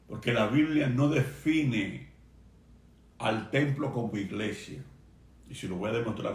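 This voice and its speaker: Pastor guy preaching, earnest and emphatic, mid-pitch voice, room echo all around. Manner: earnest, emphatic preaching with slow stressed phrases. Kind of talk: sermon. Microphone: video stream for a remote congregation.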